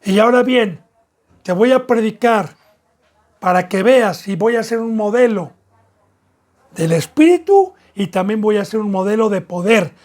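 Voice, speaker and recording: A man's voice: sits high, expressive, unhurried, long pauses, a little mellow. A man with a Mexican accent preaching a sermon as pastor, with emphatic, repetitive phrasing that rises in bursts.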